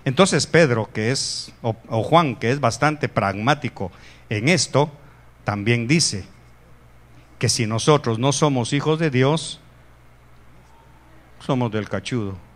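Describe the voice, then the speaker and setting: A man from Guatemala preaching a sermon, animated, jumping to loud emphasis and joking asides with the congregation. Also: mid-range voice, takes it slowly, pauses often. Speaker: pastor.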